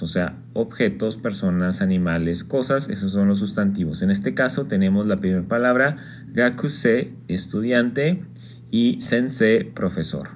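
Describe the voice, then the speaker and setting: A man's voice: fairly low pitch, darkish tone, dull audio, slight background noise. A man teaching an online Japanese lesson, patiently explaining step by step and often checking in with "ok?".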